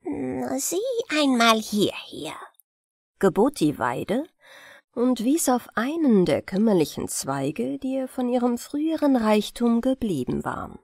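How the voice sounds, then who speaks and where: Woman, fairy tale reader, slow pace, lively intonation, dry close recording. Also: a little high, no room sound. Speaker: audiobook reader. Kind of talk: storybook narration.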